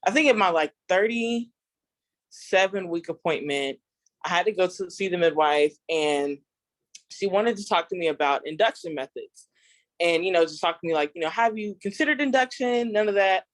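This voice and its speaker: Woman telling an animated personal story. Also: fairly low pitch, moderate pace, no room sound. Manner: animated storyteller, acts out quoted voices. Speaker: group member sharing a testimony.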